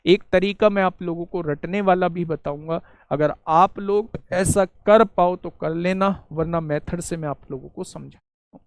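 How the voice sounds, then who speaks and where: A man teaching an exam-prep maths lesson in a lively, coaxing way, asking his students questions and answering them himself. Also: high voice, unhurried, clear, resonant tone, dry recording. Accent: Hindi.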